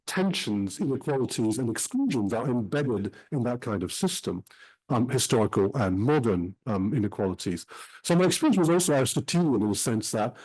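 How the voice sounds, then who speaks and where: A middle-aged man speaks at a middle pitch, giving an academic talk. He weighs his words, filling the gaps with frequent ums. His delivery is careful and reflective. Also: a little mellow, rough recording. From Switzerland. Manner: measured, frequent um pauses. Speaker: historian giving a talk about his book.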